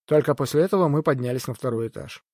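Mellow-voiced male audiobook narrator. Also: mid-range voice, dry recording, clean studio sound. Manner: steady, measured storytelling. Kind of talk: scripted first-person narration.

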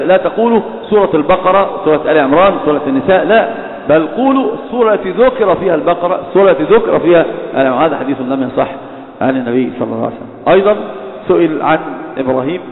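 A man delivers a religious lecture at a rapid clip, pausing often to correct himself. His voice sits a little high. It comes through a tinny, phone-like line with long hall reverb. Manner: frequent hesitations and self-corrections. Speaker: lecturer on hadith criticism.

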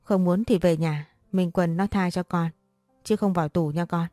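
A woman's voice: on the low side, steady tone, normal speed, mellow, dry recording, faint music behind, close to an everyday voice. A woman voicing a stern, angry middle-aged father scolding his daughter in a story.

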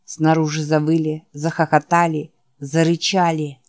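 A woman narrating an audiobook in a measured, dramatic reading style. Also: deep voice, level tone, a little mellow, no room sound, studio quality.

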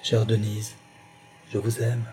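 A man's voice: lowish voice, monotone, slow, mellow, slight background noise. A man reading aloud, voicing an earnest young man declaring his love. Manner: earnest, imploring.

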